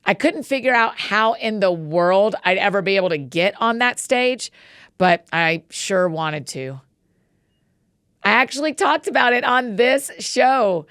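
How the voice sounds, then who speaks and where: A woman's voice: mid-range voice, expressive, a little slow, a bit bright, smooth, dry recording, studio quality. A woman, hosting a podcast and speaking earnestly with frequent laughs. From Atlanta, USA. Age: 40s. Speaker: podcast host. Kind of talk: scripted monologue and casual chat.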